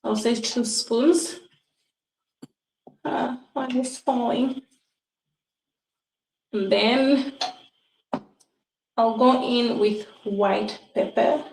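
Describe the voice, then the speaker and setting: A woman's voice: on the high side, drawn-out words, creaky, pauses often, darkish tone, distant mic. A woman giving a casual cooking demonstration in her home kitchen, chatting to her viewers and often calling them guys. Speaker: cooking vlogger. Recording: echoey kitchen, voice off-mic.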